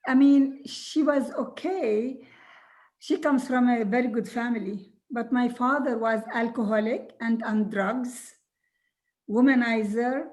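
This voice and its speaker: Older woman, from Jordan, native Arabic speaker, earnest storyteller, slightly high voice, unhurried. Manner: slow, earnest storytelling with soft laughs. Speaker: guest speaker. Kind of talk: recorded video conversation.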